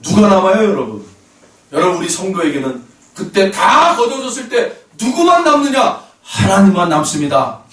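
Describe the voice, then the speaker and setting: A man's voice: high-pitched, sing-song, moderate pace, fairly bright tone. A man preaching a sermon as pastor, speaking emphatically and calling out to the congregation again and again. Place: church sanctuary. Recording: roomy hall, voice from a distance.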